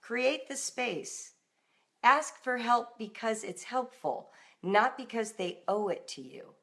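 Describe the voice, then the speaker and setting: Taking it slowly, this woman speaks in a fairly high, animated, slightly bright voice. As a middle-aged American parenting and homeschool coach hosting a live talk, she addresses parents informally, directly and emphatically, as if in conversation.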